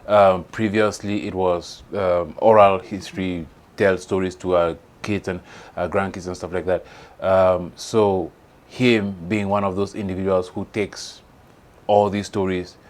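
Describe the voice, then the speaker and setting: A man gives a casual tribute for an award, pausing often as he looks for the next word. His voice is on the low side. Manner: hesitant, many fillers and restarts. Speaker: award presenter.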